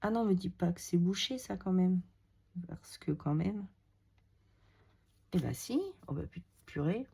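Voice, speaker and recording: A woman with a lingering cold talks her way through a scrapbooking demonstration, her voice sitting fairly low. She speaks slowly and unhurriedly, dropping chatty, self-mocking asides as she works. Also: lively intonation, vocal fry, mellow, husky. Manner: chatty, self-deprecating, muttering asides to herself. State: has a cold. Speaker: scrapbooking crafter demonstrating a page. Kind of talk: casual craft tutorial, talking while working.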